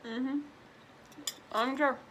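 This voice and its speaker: In a small room at home, a twenty-year-old Illinois vlogger talks extremely slowly while eating, answering viewer questions with frequent "um" and "like." Her high, slightly bright voice stays fairly even, and there's a faint hiss or hum.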